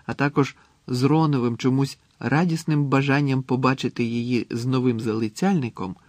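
A man narrating an audiobook in a steady, measured storytelling manner with a gravelly, husky voice, recorded on a close mic. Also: medium pitch, dry recording.

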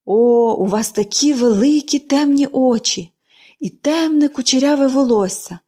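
A woman's voice: a little high, sing-song, normal speed, a little mellow. Woman reading as an eager chatty young girl. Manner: eager, gushing. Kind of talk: audiobook character reading.

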